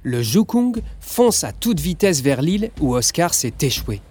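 A man narrating a children's audiobook with lively, expressive storytelling. His voice sits a little high and rises and falls widely, with soft music faintly behind. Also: measured pace.

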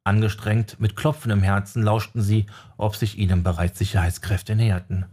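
A man reading a fantasy audiobook in steady scripted narration. His voice is low-pitched with a husky, slightly breathy grain. He tells the story at an even storytelling pace. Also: normal speed.

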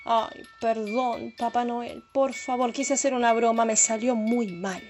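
A woman's voice: fairly high pitch, fairly even intonation, unhurried, darkish tone, soft background music. A woman voicing a small, clumsy male elf helper who pleads and apologizes. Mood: pleading.

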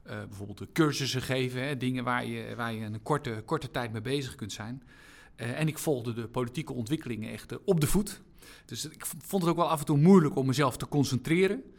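A man in a relaxed conversation, reflecting on his past work with frequent hesitations. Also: mid-range voice, brisk, creaky. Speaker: former parliamentarian, guest. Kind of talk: casual conversation.

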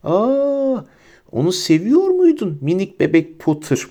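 A man's voice: wildly swooping pitch, a little slow, dark tone, heavily acted. A man reading a story aloud, voicing a cruel, fanatical female witch who taunts and shrieks. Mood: taunting. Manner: taunting, mocking, high and shrill.

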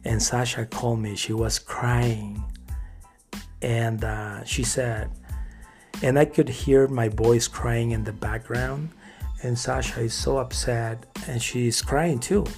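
A man from Mexico sits in as a podcast guest and tells his story in an earnest, animated way, playing out the voices of people in it. His voice is mid-pitched with a gravelly rasp, and faint music runs underneath. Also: slow. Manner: earnest, animated storyteller who acts out quoted dialogue. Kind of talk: casual storytelling interview.

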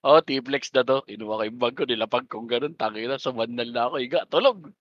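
A man's voice: mid-range voice, fast, no echo, dull audio. A young Filipino man co-hosting a podcast, bantering loosely with lots of swearing and laughter. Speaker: podcast co-host. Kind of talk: casual chat.

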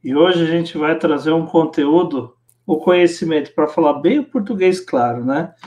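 A man's voice: a little high, moderate pace, a little mellow. A man with a Brazilian accent co-hosting a casual live chat in a playful, exclaiming way. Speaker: live show co-host.

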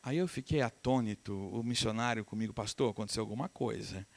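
His voice is lowish and brisk, with vocal fry and a faint hiss or hum in the audio. The middle-aged Brazilian pastor preaches an animated sermon full of stories, voicing the characters himself and laughing with the congregation.

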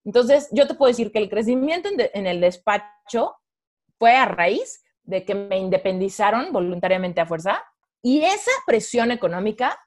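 A woman's voice: medium pitch, normal speed. A Mexican woman in her thirties, speaking as a podcast guest. She tells her story in a loose, conversational way. She livens it up by acting out what she once thought and said. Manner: animated, acts out her own past thoughts in quotes.

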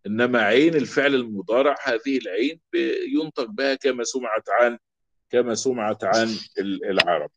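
A man with an Egyptian Arabic accent teaching a grammar lesson, slowly repeating example words to drill them. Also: mid-range voice, noisy background. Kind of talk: classroom lesson. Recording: dull lo-fi recording.

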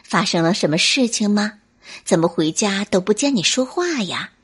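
A woman voicing a caring mother squirrel in a bedtime story, gentle and reassuring. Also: mid-range voice, lively intonation, moderate pace, husky. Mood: tender.

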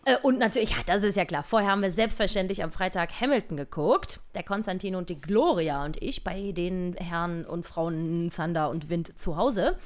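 A woman's voice: lowish voice, moderate pace, few pauses. A woman co-hosting a casual chat podcast, playful and ironic, often laughing. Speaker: podcast co-host.

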